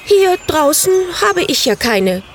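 A woman's voice: very animated, slow pace, slight background noise, full character voice. A woman doing a timid little witch girl. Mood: anxious. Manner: high, fretful pleading.

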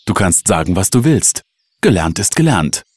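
A man's voice: low voice, very animated, moderate pace, a little mellow, slight background noise. A man voicing a cocky, grumbling young boy in a read-aloud storybook, sounding boastful. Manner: boastful, grumpy.

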